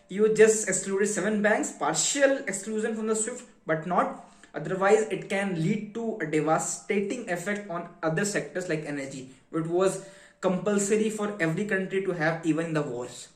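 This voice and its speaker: A male educator with an Indian accent presents a finance explainer as an informal lecture, firing off emphatic questions before answering them. He speaks at a moderate pace in a voice that sits high, with roomy, echoing acoustics.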